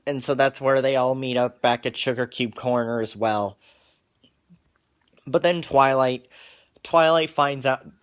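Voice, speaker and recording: Male reviewer, mid-range voice, casual plot recap full of stumbles and restarts. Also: medium pitch. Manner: halting, with frequent restarts and repeated words; wears glasses on camera. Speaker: cartoon episode reviewer.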